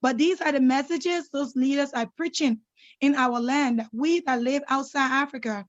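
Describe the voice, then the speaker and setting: A woman's voice: sits high, normal speed, no echo. A woman from Liberia, joining by video call, speaking insistently and indignantly, tagging her points with "right?". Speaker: caller. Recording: dry, dull lo-fi call audio.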